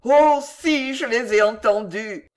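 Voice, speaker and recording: A tender, lovesick gentleman, played by a storybook reader pleads with ardent warmth. His voice sits a touch higher than plain talk and draws the words out slowly. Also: sing-song, heavily acted. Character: lovesick middle-aged gentleman, mildly wounded, tender.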